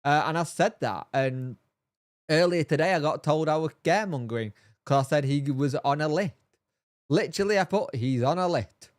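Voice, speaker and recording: A fan channel host reads live chat in a casual stream, his somewhat high voice congested, nasal and throaty as if he has a cold. He rambles, repeats himself and answers chatters by name at normal speed. The recording is close and dry, with no room sound or echo.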